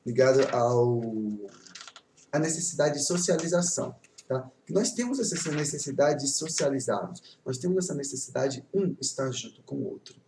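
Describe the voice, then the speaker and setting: A man's voice: medium pitch, animated, normal speed, darkish tone, distant mic, slight background noise. Chatty Brazilian male teacher, echoey room. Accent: Brazilian Portuguese. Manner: chatty, rambling, checks in with "tá?". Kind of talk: casual online class storytelling.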